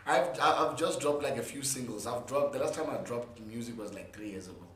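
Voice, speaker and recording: A young man with a South African accent and a hoarse, worn voice, chatting casually in an interview with emphatic, repeated words. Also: mid-range voice, brisk, fairly bright tone. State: hoarse from gigs the day before. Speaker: interview guest, content creator and musician. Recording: echoey room with faint background noise.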